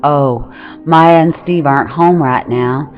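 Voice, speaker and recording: Polite old lady at the door, a bit guarded, slow and lifted, muffled lo-fi. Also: sits low, soft background music.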